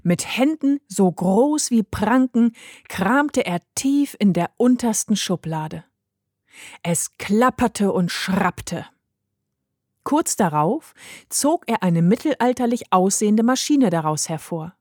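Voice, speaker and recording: A woman narrating a children's story in an expressive storybook reading. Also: medium pitch, slow pace, no room sound, studio quality.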